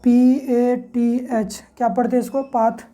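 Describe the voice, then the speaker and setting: Spelling words slowly letter by letter, a woman gives a classroom-style English pronunciation lesson, posing questions and then answering them herself. Her voice is on the high side and warm in tone.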